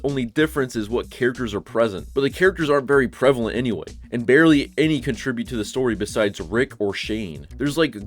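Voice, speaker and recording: A young man giving a casual, sarcastic video game review, blunt and swearing freely. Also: medium pitch.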